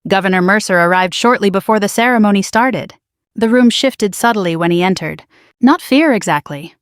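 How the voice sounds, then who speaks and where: A woman narrating a first-person story in a measured, quietly dramatic manner. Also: medium pitch, dry recording, clean studio sound.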